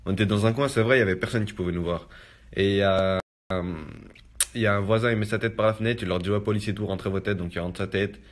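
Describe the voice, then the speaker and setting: A young man tells his story in a rapid, low-pitched voice. He speaks in loose street slang and keeps coming back to fillers as he talks. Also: steady tone. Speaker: storyteller recounting a personal ordeal. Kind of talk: casual spoken testimony.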